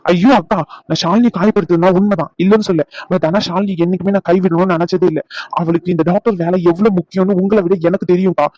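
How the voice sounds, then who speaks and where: A man plays an anxious younger brother in a cartoon drama, talking fast in a mellow voice as he defends himself. The recording is dull and lo-fi, and dry. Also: high voice, fairly even intonation, no echo, natural voice. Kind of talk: animated drama dialogue.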